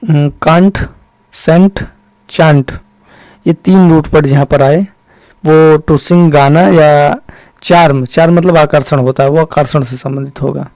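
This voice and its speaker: A man teaching an exam-prep vocabulary lesson. He explains step by step, checks in often, and reads the English definitions slowly. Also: fairly high pitch, darkish tone, no room sound. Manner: explains step by step, keeps saying "ṭhīk" to check in.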